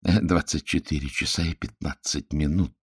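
A man's voice: a bass voice, steady tone, moderate pace, darkish tone, husky, no room sound, studio quality, full character voice. A man voicing a fussy, precise middle-aged Belgian detective in an audiobook, pompous and pedantic. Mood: measured.

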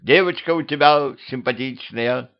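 A man voicing a gloomy talking skeleton stuck in a tree, speaking slowly with drawn-out, ominous words, on a dull lo-fi home recording. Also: mid-range voice, pitched above the performer's own voice, lightly acted. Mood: mournful.

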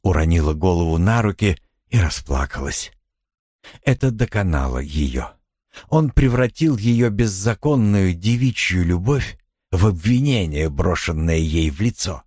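A man narrating an audiobook in an expressive, dramatic reading style. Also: low voice, no echo, clean studio sound.

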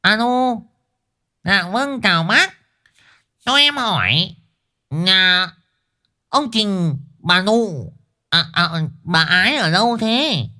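A man's voice: high voice, expressive, slow, long pauses, sharp tone, pitched above the performer's own voice, heavily acted. A man voicing a brawny, brash young wife who lisps and talks bossily. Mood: calling out. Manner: lisping, bossy, threatening.

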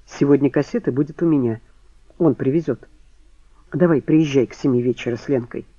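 A man voicing a brisk, sarcastic young widow in an audiobook, raised pitch and mocking retorts. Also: mellow, no room sound, muffled recording, close to an everyday voice.

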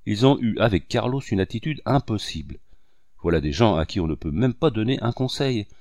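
A man's voice: lowish voice, animated, brisk, darkish tone, dry recording, studio quality. A man reading an impulsive, emotional young wife. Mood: resentful. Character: agitated young married woman, impulsive and emotional.

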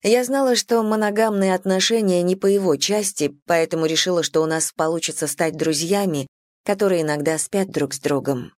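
Low-voiced woman narrating an audiobook. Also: fairly quick, a little mellow, no echo, clean studio sound. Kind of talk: first-person audiobook narration.

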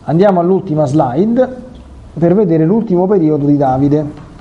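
A man's voice: a little high, animated, normal speed, husky, dull audio. A man teaching catechesis, reading Bible passages aloud and stopping to talk directly to his listeners. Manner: conversational, addresses listeners directly.

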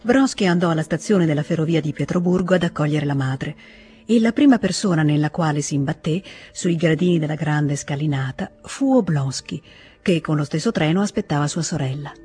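A man narrating a classic novel aloud in a measured, expressive audiobook reading. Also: fairly high pitch, husky. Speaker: audiobook reader.

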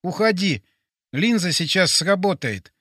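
A man voicing a dying young man who speaks slowly and faintly, turning his r sounds into g sounds. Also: high-pitched, lively intonation, sharp tone, dry recording, clean studio sound, heavily acted. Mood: fading. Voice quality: burred r sounds, r spoken like g. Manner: slow, faint, halting speech. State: dying, barely audible. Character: dying young man, weak, gentle, resigned.

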